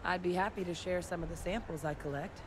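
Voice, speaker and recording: An actress playing a friendly, helpful crew scientist in a video game, courteous and reflective. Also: female voice, on the low side, fast, noisy background, natural voice. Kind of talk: video game character dialogue.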